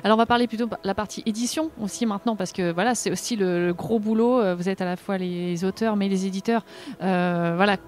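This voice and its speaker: A woman's voice: medium pitch, fairly even intonation, a little fast, darkish tone. A woman hosting an interview, asking questions with stammered restarts. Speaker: podcast host.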